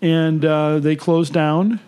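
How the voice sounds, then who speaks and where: A man, talking in a loose, rambling way as a podcast co-host. His voice sits a little on the high side for a man, and he fills gaps with ums and uhs. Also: slow, clear, resonant tone. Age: 50s. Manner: relaxed, rambling with fillers. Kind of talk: casual chat.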